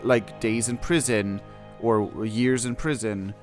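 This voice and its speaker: Game music runs in the background while a male streamer reads quest text out loud and reacts in a relaxed way. He speaks at a medium pitch and takes his time, bursting into excited exclamations but also hesitating and correcting himself as he comments.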